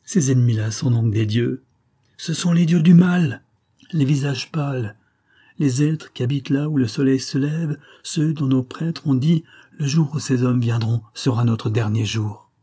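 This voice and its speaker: A man's voice: medium pitch, unhurried, mellow, husky. A man reading the lines of a frightened tribesman crying out in alarm. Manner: alarmed, lamenting.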